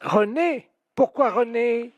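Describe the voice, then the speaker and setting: A man's voice: very high voice, lively intonation, takes it slowly, dry recording, exaggerated voice. A man playing a muddled, hard-of-hearing old woman with a hearing aid on a prank call, mishearing everything in a fussy, plaintive way. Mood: confused.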